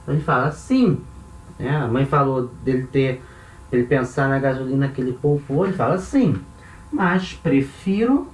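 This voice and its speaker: A man's voice: mid-range voice, fairly even intonation, fast, reverberant, far from the mic, slight background noise. A man with a Brazilian Portuguese accent teaching grammar patiently, often checking in with tag questions. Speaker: language teacher. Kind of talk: explaining grammar.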